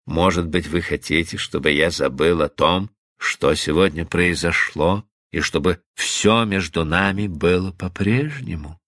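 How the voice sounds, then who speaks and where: A man voicing a commanding older businessman who speaks slowly and softly in a low, hushed voice. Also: no echo, clean studio sound. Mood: coaxing. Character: powerful, commanding older businessman, coaxing and tender.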